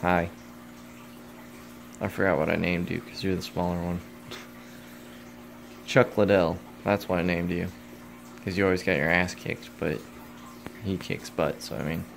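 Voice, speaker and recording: A young man with a low, gravelly voice chats through a home vlog about his reptiles. He rambles, cracks jokes and talks straight to the animals. It is caught on a phone, with faint background noise. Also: steady tone, a little slow, long pauses. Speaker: reptile keeper vlogger. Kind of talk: casual vlog. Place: home, indoors. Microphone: phone camera.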